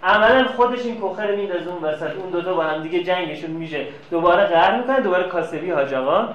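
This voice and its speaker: A man's voice: sits high, muffled recording. A man giving a classroom lecture, telling anecdotes and acting out quoted dialogue. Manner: lively storyteller, plays out quoted dialogue. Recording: echoey room, faint noise.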